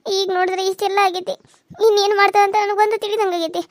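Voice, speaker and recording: A woman's voice: very high voice, level tone, quick pace, no echo, clean studio sound, voice pushed up. A woman voicing a distressed young village wife in a cartoon serial, pleading and defiant by turns. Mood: tearful.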